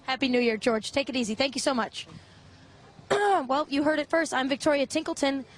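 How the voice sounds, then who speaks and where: A woman's voice: high-pitched, brisk, a little hiss or hum. A woman reporter conducting a mock news interview in an earnest, straight-faced way.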